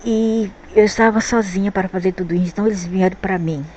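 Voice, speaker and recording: This time the Brazilian spiritual vlogger talks fast in a mid-range, steady, warm voice over a slight hiss or hum. Her personal story about spirits and the afterlife wanders, and she often repeats words while hunting for what to say.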